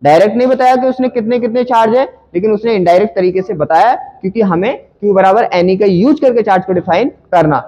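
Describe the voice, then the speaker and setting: A man's voice: high-pitched, quick pace, few pauses, mellow, low-quality recording. A male physics teacher working through a numerical problem in a conversational way, asking students questions and answering them himself.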